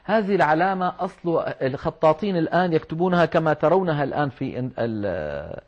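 A man teaching Quran recitation rules, explaining patiently and slowing down to demonstrate words. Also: a little high, animated. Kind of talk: religious lesson on Quran script and recitation. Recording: dull lo-fi recording.

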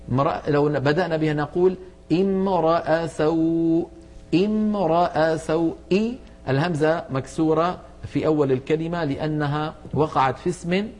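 A middle-aged man teaching a televised lesson on Quranic recitation, explaining methodically and slowing down to enunciate each example word. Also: a little high, darkish tone.

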